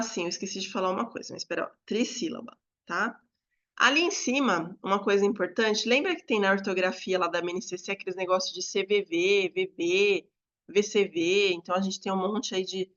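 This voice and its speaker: A woman teaches a lesson to fellow educators, walking through each step patiently and stretching certain words out slowly to show them. Her voice sits at a middle pitch, and the recording sounds a little dull and lo-fi. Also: fairly bright tone. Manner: explains step by step, drawing out words.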